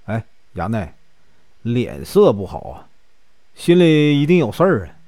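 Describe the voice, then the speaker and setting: A man with a Northeastern accent plays a cunning, flattering servant in a told story. The voice swings lively in pitch and sits on a dry, close sound. He talks low and conspiratorial, pitching a wicked plan. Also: a little slow, no echo. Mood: scheming. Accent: Northeastern Mandarin. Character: sly scheming male servant, flattering.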